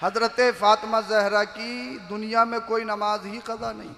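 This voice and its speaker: A man preaching at a religious gathering, his voice very high and bright. He is impassioned and sweating in the heat, rising to shouts and calling on the listeners to answer back. Long reverb of a large hall trails each phrase. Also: flat delivery, unhurried, gravelly. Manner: impassioned, rises to shouts and calls for responses.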